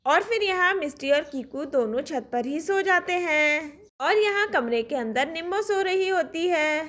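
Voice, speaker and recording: A woman's voice: very high-pitched, expressive, measured pace, a bit bright. A woman narrating a village cartoon story in a plain storytelling way.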